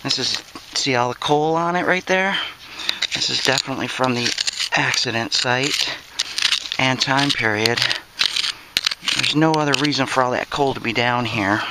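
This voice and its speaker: A man's voice: medium pitch, normal speed, long pauses, heavy background noise. A man casually narrating a metal detecting dig to his viewers outdoors, in short repeated remarks as he works. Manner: talks to viewers while digging, repeating short exclamations.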